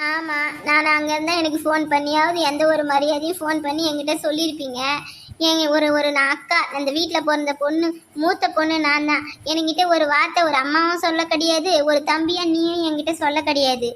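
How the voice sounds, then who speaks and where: Woman doing resentful grown daughter, high bright voice, cartoon family story. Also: level tone, a little fast, slight background noise. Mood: hurt. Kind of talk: animated cartoon story voicing.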